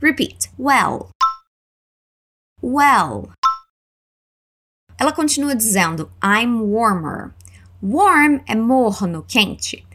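A woman with a Brazilian accent teaching English words, saying each one slowly and clearly for listeners to repeat. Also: a little high, big pitch swings, fairly bright tone. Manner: slow, clear modeling of words for repetition. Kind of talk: language lesson narration.

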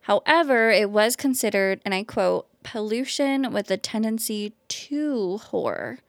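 A woman hosts a true-crime podcast in a loose, chatty way, filling her sentences with "like" and "kind of". Her voice sits at a middle pitch and is recorded close and dry. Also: a little slow, no echo. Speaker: podcast host. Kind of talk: casual chat.

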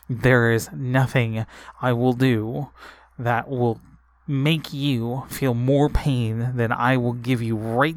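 A man's voice: medium pitch, no room sound. A man voicing a fierce young female were-tiger, speaking in a cold, threatening way in a tabletop role-play.

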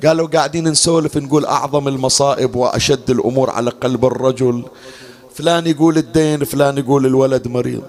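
A man delivering a mourning sermon, moving between spoken storytelling and slow sung lament. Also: medium pitch, fairly even intonation, a little mellow. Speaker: mourning preacher.

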